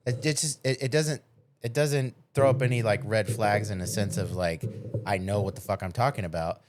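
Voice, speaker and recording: A man's voice: lowish voice, normal speed, background noise. A man hosting a podcast, talking in a loose, rambling way with plenty of swearing. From United States. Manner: profane, rambling, laughs often. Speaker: podcast host. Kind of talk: casual podcast chat.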